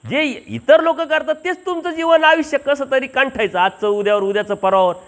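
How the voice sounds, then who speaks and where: A man's voice: very high voice, fairly quick, fairly bright tone. A man preaching at a village satsang, telling a homely parable and acting out the voices of the people in it. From Maharashtra. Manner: acts out the dialogue of the people in his story, earnest and homely. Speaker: Mahanubhav preacher. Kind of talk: village satsang sermon with storytelling.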